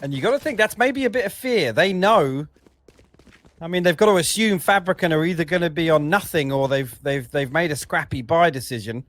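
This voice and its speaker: A man's voice: on the high side, expressive, a little fast, a bit bright, no echo. A man with an Essex accent giving conversational, analytical commentary on an esports match, sometimes correcting himself mid-sentence, over a headset mic. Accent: Essex English. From Essex, England.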